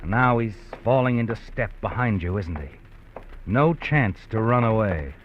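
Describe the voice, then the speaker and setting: In a 1950s radio drama, an actor voices an ominous male narrator who addresses the hero in brooding second person, using a lowish, expressive voice at normal speed that stays close to everyday speech. The lo-fi recording has music underneath.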